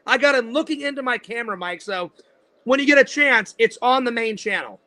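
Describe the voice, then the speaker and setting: Very high, bright, and forceful, the voice of a forty-something interview host comes out expressive and a little fast. He rambles casually, often repeating words and restarting what he's saying.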